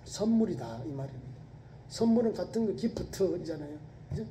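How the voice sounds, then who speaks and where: A man's voice: sits high, big pitch swings, brisk, dark tone, a little hiss or hum. A male pastor preaching a sermon with emphatic, questioning delivery. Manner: emphatic preaching, rhetorical questions, acts out prayers and voices. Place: church sanctuary. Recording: echoey church hall, voice from a distance.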